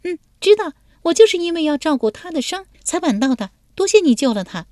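A woman narrator voicing a playful, sharp-witted young woman in an audiobook, talking high and lively. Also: a little fast, dry recording, clean studio sound. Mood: teasing. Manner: perky and teasing, then sharply scornful. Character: bright, teasing young woman, quick and playful.

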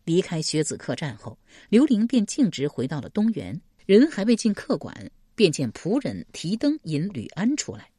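A woman narrating a historical mystery novel with expressive storytelling. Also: fairly low pitch, normal speed, hardly any pauses, husky, no echo, studio quality. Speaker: audiobook narrator. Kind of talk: scripted narration.

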